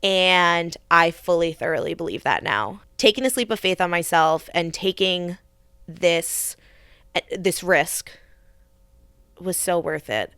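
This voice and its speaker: A woman's voice: fairly low pitch, animated, slow pace, a bit bright, clean tone, dry recording, studio quality. A young adult woman hosting a podcast, telling a personal story in an earnest, reflective way with frequent restarts. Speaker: podcast host.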